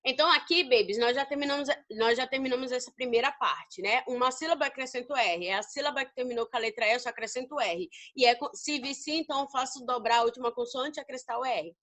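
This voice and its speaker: Brazilian woman teacher, high-pitched and bright, fond and chatty, asks and answers her own questions. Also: quick pace, hardly any pauses. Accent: Brazilian Portuguese. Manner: affectionate, calls students babies. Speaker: English teacher. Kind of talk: recorded grammar lesson.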